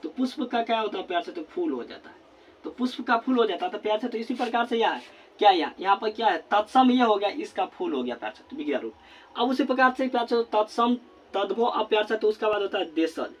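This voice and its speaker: A male teacher giving a classroom grammar lesson at a board, repeating words slowly as he writes and asking questions he then answers himself. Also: sits high, lively intonation. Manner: repeats words slowly while writing, constant filler phrase.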